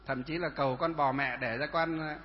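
Monk guy giving a sermon, fairly high voice, lots of repeating himself, dull muffled recording. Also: steady tone, moderate pace, slight background noise. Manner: repetitive, asks and answers own questions. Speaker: Buddhist monk answering questions. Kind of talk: sermon with rhetorical questions. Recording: dull lo-fi sound with long reverb.

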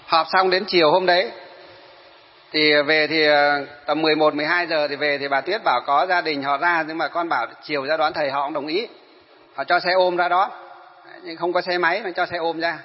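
A man's voice: on the high side, moderate pace, long pauses. A man, a Buddhist monk telling a story in a sermon and asking his listeners questions. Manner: animated, addresses listeners with questions. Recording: dull reverberant hall.

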